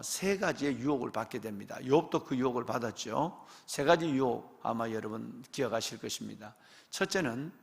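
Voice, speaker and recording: A man's voice: mid-range voice, gravelly, a bit bright, long reverb tail. A man pastor preaching a sermon, speaking emphatically with many rhetorical questions and turning often to the congregation. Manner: often addresses the congregation directly. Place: church sanctuary.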